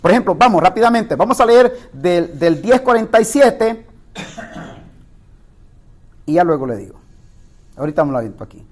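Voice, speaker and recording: A man's voice: big pitch swings, normal speed, long pauses. A male pastor teaching a Bible study sermon, reading verses aloud and breaking off to address his listeners. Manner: reads scripture aloud with asides to the listeners; rises in pitch when quoting the blind man's cry.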